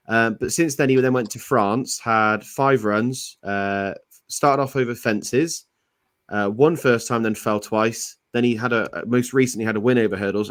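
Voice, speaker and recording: A man's voice: lowish voice, fairly bright tone, dry recording, clean studio sound. A man going through a horse's form in detail on a casual racing tips chat. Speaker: racing tipster panelist.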